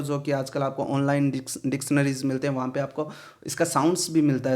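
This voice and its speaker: A man teaching pronunciation in Hindi, explaining slowly, repeating words and often asking if it is clear. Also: on the high side, a little mellow. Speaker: English teacher. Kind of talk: pronunciation lesson.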